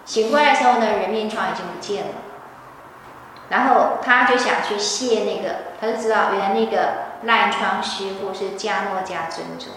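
A woman's voice: medium pitch, moderate pace, a bit bright, a little hiss or hum. A woman giving a scripture lecture, telling the story animatedly. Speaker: religious teacher. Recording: echoey hall from far off.

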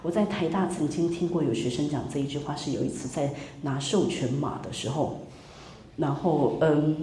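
A woman's voice: deep voice, mellow. A woman from Taiwan, a university lecturer who teaches a class. She tells anecdotes, asks the students questions and mixes in English words. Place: lecture hall. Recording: echoey lecture room with faint noise.

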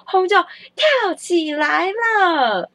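A man's voice: very high voice, sing-song, extremely slow, sharp tone, no echo, voice pushed up, heavily acted. A woman retelling a story, voicing an enthusiastic, pushy male salesman with theatrical, sing-song sales patter. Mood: eager sales pitch. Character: pushy, eager male salesman pitching nature DVDs.

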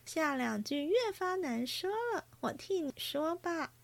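A woman doing a soft young singing girl. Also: high-pitched, drawn-out words, gravelly, no room sound, exaggerated voice. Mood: coy.

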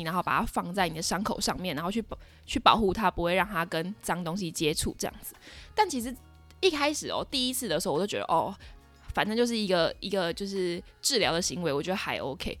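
A young woman in her twenties with a Taiwanese Mandarin accent, hosting a podcast and telling a personal story in a dramatic, exclaiming way. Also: mid-range voice. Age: 20s. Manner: dramatic, exclaiming, lots of fillers. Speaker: podcast host. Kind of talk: casual storytelling monologue.

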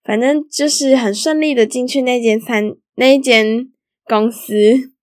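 A woman's voice: on the high side, fairly even intonation, a little slow, a little mellow, no echo, studio quality. A young woman hosting a solo podcast, telling stories in a chatty, giggly way with lots of casual fillers. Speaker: podcast host.

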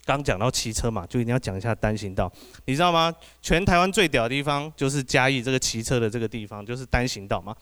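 A man with a Taiwanese Mandarin accent doing an animated stand-up set, often asking the audience "you know?". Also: medium pitch, fast, clean tone. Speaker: podcast host doing stand-up.

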